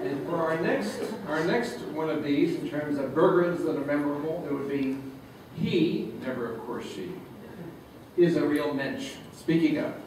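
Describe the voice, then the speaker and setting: Man, light joking speech, a touch high, distant in a very echoey room with clear background noise. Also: normal speed, a little mellow. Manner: joking, chuckles at his own lines. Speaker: speaker at a reception. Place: reception room. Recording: roomy, distant, noisy room recording.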